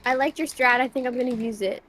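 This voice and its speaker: A woman's voice: fairly high pitch, fast, fairly bright tone, a little hiss or hum. A woman playing along with chatbot role-play, brash and impatient, often laughing.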